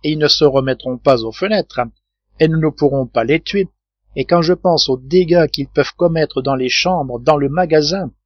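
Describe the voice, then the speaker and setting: A man reading an audiobook, voicing a hot-tempered sailor who blusters and curses in a raised, loud voice, in a dull dry recording. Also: moderate pace, no echo, close to an everyday voice. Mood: grumbling. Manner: loud indignant outbursts, raised pitch.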